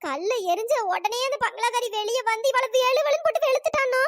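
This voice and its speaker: A voice actor playing a chattering, gossipy village woman in a cartoon, speaking in a pitch-raised cartoon voice. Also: lively intonation, fast, a bit bright, no room sound, clean studio sound. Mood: recounting. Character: gossiping village women neighbours, fussy.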